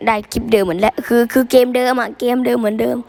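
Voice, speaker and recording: A hoarse male gaming host giving excitable, rambling gameplay commentary and repeating words in quick bursts. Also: extremely high pitch. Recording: reverberant room with game music. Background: game music.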